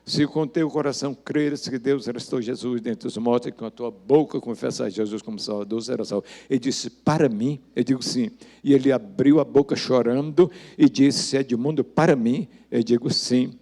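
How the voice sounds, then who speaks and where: A man's voice: mid-range voice, normal speed, hardly any pauses, warm tone. An older Brazilian man preaching as a pastor, telling a testimony and acting out each person's lines. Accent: Brazilian Portuguese. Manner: storytelling, acting out the dialogue of each person in the story. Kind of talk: sermon testimony.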